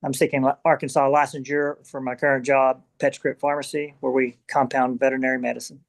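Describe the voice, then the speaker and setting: A man in his fifties from Texas introducing himself loudly and plainly as a pharmacist on a video call. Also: mid-range voice, flat delivery, brisk, gravelly. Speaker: pharmacist applicant.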